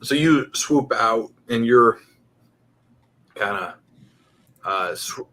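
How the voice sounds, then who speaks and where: A man's voice: mid-range voice, animated, extremely slow, sharp tone, rough recording. A man acting as game master, narrating casually and putting questions to the players. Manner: conversational, directing players with questions.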